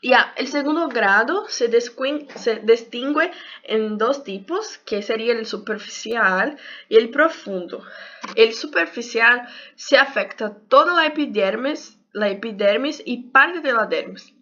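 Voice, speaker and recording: A health sciences YouTuber, a young native Portuguese speaker with a Brazilian accent, teaches a casual video lesson in her second language, pausing hesitantly to find words. Her fairly high voice is animated, bright, and forceful, at a measured pace. It's captured with dull lo-fi audio.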